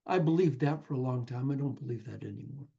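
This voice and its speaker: A man's voice: mid-range voice, quick pace, gravelly, dark tone, breathy edge, highs cut off. A man giving an earnest inspirational talk, telling a parable and calling the listener his friend. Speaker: spiritual speaker.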